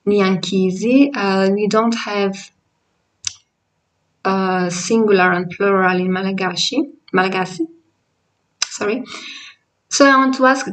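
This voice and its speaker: With an Italian accent from her first language, a teacher walks through a language lesson slowly and patiently, stopping often with fillers. The mic sits some way off her middle-pitched voice, and the recording is rough.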